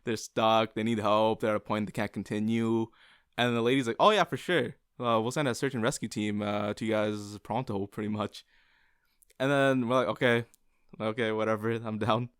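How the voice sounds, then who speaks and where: A man's voice: fairly low pitch, steady tone, normal speed, a bit bright, clean tone, dry recording, studio quality. A man co-hosting a podcast, telling a story in casual chat and laughing often as he goes. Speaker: podcast co-host.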